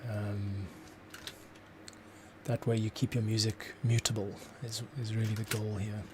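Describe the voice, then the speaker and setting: A man with a lowish voice speaks in a level tone at a measured pace over background noise. He's a composer thinking aloud as he works, narrating his scoring process like a tutorial.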